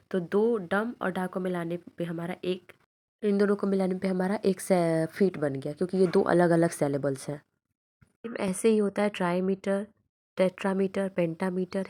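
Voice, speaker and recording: A woman teaching a lesson on poetry, reading English definitions slowly and then explaining them at length in Hindi, often checking in with "theek hai". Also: fairly low pitch, darkish tone.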